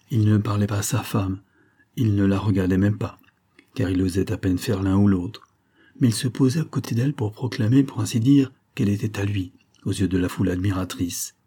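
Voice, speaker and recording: A male narrator reading a classic novel at a steady, measured pace. His voice is low and dark, with a husky, slightly breathy grain. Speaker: audiobook narrator.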